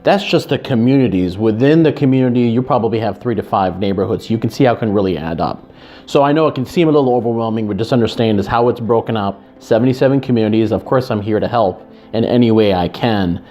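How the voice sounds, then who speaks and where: A man's voice: on the low side, fast talker, warm tone. A man from Chicago, a real estate agent, talking earnestly to camera and often restarting his sentences. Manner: earnest, with frequent restarts and repeated words. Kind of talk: casual to-camera talk. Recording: slightly dull lo-fi sound with faint music.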